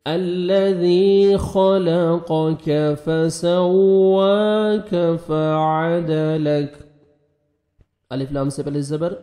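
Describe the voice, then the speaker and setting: Man teaching Quran recitation, syllable by syllable. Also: fairly high pitch. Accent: Pakistani Urdu. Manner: spells out each syllable by letter and vowel mark, then recites it slowly and loudly. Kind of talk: slow drawn-out recitation with quick explanations.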